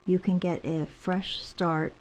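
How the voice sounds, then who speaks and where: A woman playing a polite, formal, softly insistent host of a secluded house in a scripted drama. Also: lowish voice, level tone, slow. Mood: courteous, inviting.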